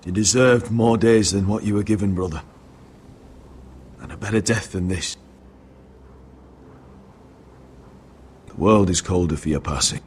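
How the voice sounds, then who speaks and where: A man's voice: sits low, normal speed, a little mellow, a little hiss or hum, lightly acted. An actor playing a defiant, resolute young nobleman in a dramatic video game, earnest and intense. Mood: grieving.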